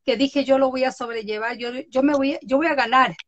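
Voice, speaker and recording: A woman's voice: sits high, a little fast, lo-fi sound, a crowd in the background. A woman who hosts online interviews, chatting casually and acting out quoted voices as she tells stories. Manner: animated storyteller, acts out quotes with laughs. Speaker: interviewer on social media. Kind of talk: casual conversation.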